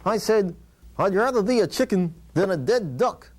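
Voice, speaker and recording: Squeaky little ventriloquist dummy kid, high pitched, cheeky wisecracks in a puppet show. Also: male voice, lively intonation, normal speed, darkish tone. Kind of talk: puppet show comedy patter.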